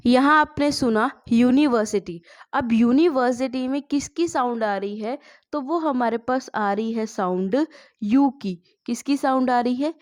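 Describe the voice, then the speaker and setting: Lady teacher running an english class, fairly high voice, keeps asking "what do we use?" and answering it. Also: a little slow, a little mellow. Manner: asks the class questions and answers them herself. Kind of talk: spoken English lesson.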